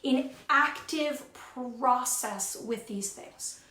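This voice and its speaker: A woman's voice: sits high, drawn-out words, pushed and bright. A woman co-hosting a motivational pep talk, encouraging and stacking up repeated phrases for emphasis. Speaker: co-host. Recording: roomy echoey sound.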